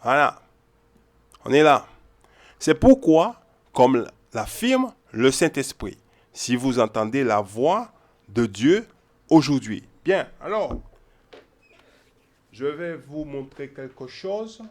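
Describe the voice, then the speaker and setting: A man's voice: mid-range voice, sing-song, slow pace, pauses often. A man giving informal Bible teaching, repeating his points with emphasis and often checking in with his listeners. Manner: repetitive, emphatic, keeps checking in with "ok?" and "hein?".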